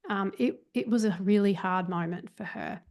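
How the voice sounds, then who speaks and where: A woman speaks as a podcast guest in an unhurried, reflective way, often pausing and restarting as she hunts for the right word. Her voice carries a noticeable gravelly fry at the ends of phrases. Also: medium pitch, darkish tone. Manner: searching, with many fillers and restarts. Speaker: guest, meditation teacher.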